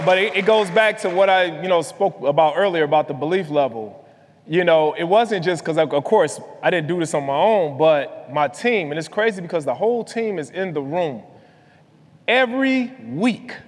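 A man co-hosting a podcast, telling an emphatic story in casual chat and repeating points for weight. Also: sits high. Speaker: podcast co-host. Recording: long hall reverb.

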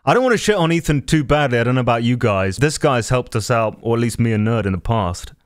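A man's voice: mid-range voice, expressive, fast, dry recording. Blunt, swearing man on a dry mic. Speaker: podcast co-host. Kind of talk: casual podcast chat.

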